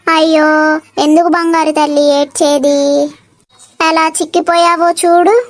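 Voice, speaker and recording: A woman's voice: very high-pitched, flat delivery, unhurried, soft background music. A woman voicing a caring, indulgent mother in a cartoon, soothing and motherly. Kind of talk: cartoon voice acting.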